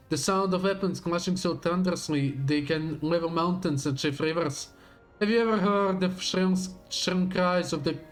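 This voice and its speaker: A man playing a grandiose, zealous warlord villain in a game, delivering a slow, theatrical, menacing monologue. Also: fairly high pitch, close to an everyday voice. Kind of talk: dramatic read-aloud of video game villain dialogue.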